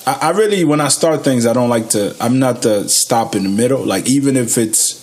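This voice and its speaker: A man hosting a casual podcast interview, playful and quick to laugh. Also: mid-range voice, a little mellow, slight background noise. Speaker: podcast host.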